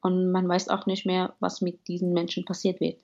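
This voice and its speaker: A woman's voice: lowish voice, completely flat delivery, normal speed, vocal fry, darkish tone, muffled recording. A woman from Afghanistan, a studio guest, speaking earnestly and reflectively in a radio interview.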